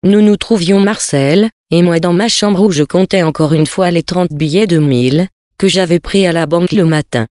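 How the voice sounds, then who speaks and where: Measured reader narrating a novel. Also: mid-range voice, darkish tone, no room sound, studio quality. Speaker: reader of a story.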